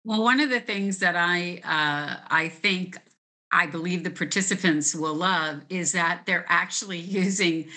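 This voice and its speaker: A woman's voice: on the low side, unhurried, sharp tone. A woman who teaches gifted students, explaining her ideas step by step as a guest in a conversational interview.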